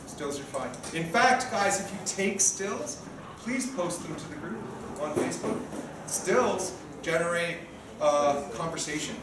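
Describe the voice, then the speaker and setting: Unhurried and lively in intonation, a fairly high-voiced man in his fifties briefs a group informally, acting as both organizer and referee of a sparring event. Short tag questions pepper his talk, recorded from a distance in an echoey room with noise.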